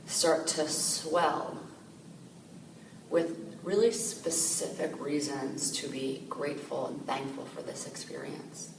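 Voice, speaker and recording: A woman meditation teacher calmly guiding a meditation, speaking gently and slowly with soft fillers. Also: low-pitched, vocal fry. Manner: gentle, slow, soothing guidance with soft fillers. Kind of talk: guided meditation. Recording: echoey room, distant mic, noisy ambience.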